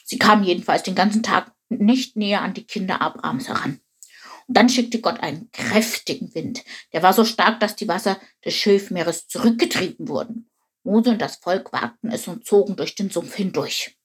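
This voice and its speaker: A woman reading a children's story aloud in a clear, steady storytelling voice. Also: mid-range voice, moderate pace. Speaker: storybook narrator.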